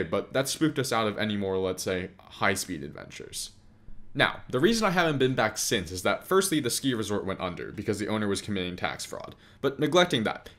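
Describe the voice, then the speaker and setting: Young male storyteller, slightly low voice, dry sarcastic comedic narration. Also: fairly bright tone. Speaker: storytime animator.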